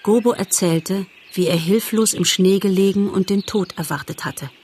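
A woman narrating an audiobook in a calm, measured storytelling manner. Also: medium pitch, a little hiss or hum.

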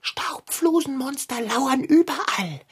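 A woman's voice: high voice, expressive, slow pace. A woman voicing a fat, anxious, fussy pet tomcat in a radio play, theatrical and easily frightened. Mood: nervous.

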